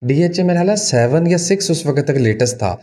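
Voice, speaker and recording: A man with a Pakistani Urdu accent, co-hosting a talk show and briskly reading out listener messages. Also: on the high side, animated, dark tone. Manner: brisk, reads questions aloud, short interjections. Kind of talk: casual talk-show chat.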